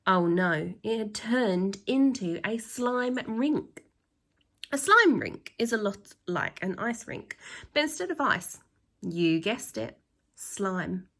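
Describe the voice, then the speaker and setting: In a medium-pitched voice, a woman reads a children's story aloud the way a teacher would, stretching words for expressive emphasis and acting out sound effects.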